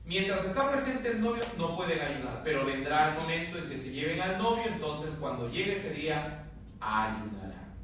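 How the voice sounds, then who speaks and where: A man, a friar, teaching a theology class, reading scripture aloud and explaining it in a lively, conversational way while he questions his students. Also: a little high, moderate pace. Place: lecture room. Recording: very echoey room, far from mic, faint hiss.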